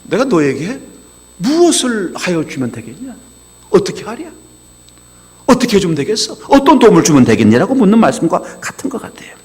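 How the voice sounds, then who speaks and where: Lively, high-voiced pastor preaching in a hall. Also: male voice, fairly quick. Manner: acts out quoted voices in dialogue. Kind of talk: sermon. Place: chapel. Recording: reverberant chapel hall.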